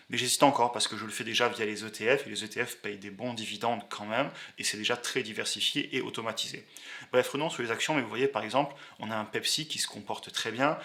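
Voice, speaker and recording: A man's voice: fairly low pitch, gravelly, bright, forceful tone. A man in his thirties hosting an investing channel, explaining his plans casually over screen charts with frequent fillers. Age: 30s. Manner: brisk, frequent "euh" fillers, conversational.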